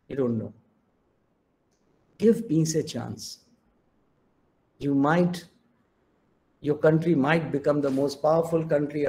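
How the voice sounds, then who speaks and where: Speaking over an online video call, an older native Hindi speaker gives an emphatic keynote in Indian-accented English, slipping Hindi in throughout. His voice sits a little high with a dark tone, and the recording quality is low.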